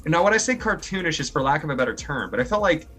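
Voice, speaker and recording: A man hosting a podcast, reviewing a film in casual chat, rambling and excitable with swearing. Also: on the high side, fast. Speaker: podcast host.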